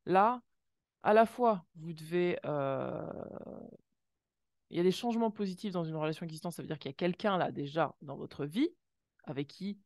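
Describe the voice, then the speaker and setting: A woman's voice: low-pitched, normal speed, dry recording, clean studio sound. A woman doing an intuitive oracle card reading, talking straight to viewers with frequent gasps of "wow" and little sound effects. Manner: exclamatory, lots of gasped wows and sound effects; speaks directly to viewers in warm second person.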